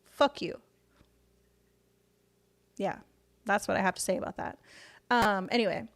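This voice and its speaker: Speaking a little slowly in a mid-range voice, this woman streamer, an adult parent, rambles about the day's news in casual chat. When she gets worked up, her rants turn heated and full of swearing.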